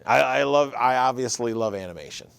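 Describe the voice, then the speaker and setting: This guest, a writer and producer in his fifties from Michigan, USA, speaks a little fast in an expressive, mid-range voice that's creaky yet clean, with no echo. His Michigan accent colors an easygoing, story-driven interview chat.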